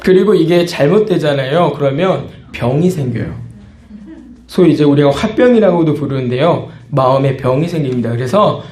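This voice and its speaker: A man's voice: on the high side, lively intonation, moderate pace, darkish tone, roomy sound. A man preaching a sermon as pastor, talking conversationally and acting out small scenes. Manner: conversational preaching, acts out quoted outbursts.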